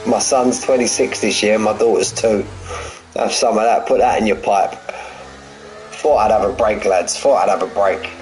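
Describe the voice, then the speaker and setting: This is a medium-pitched, darkish male voice on a rough recording. The speaker, a sim racing streamer and commentator in his forties, mixes live race calls with banter with chat, staying chatty and jokey and repeating phrases between moments of action.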